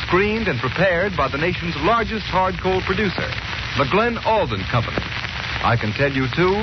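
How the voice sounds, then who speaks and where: Male announcer for a chipper vintage radio ad, emphatic salesman, muffled and noisy recording. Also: a little high. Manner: upbeat, polished, emphatic salesmanship.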